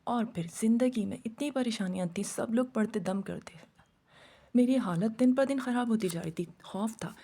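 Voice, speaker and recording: A woman narrates a first-person horror story in a dramatic way. Her voice is husky with a gravelly edge and a dark, mellow tone, pitched a little high.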